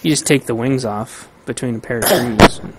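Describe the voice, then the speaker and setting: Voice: medium pitch, normal speed, heavy background noise. A person joking around in a casual group chat, wisecracking and often amused, over a voice chat line.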